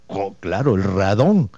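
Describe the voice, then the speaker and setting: Dark-voiced male radio doctor. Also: low voice, no echo. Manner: explanatory, rhetorical questions and tag checks; folksy diminutives and patient repetition. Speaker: radio doctor host answering listener questions. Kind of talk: radio health call-in advice. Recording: dull, dry lo-fi radio studio audio.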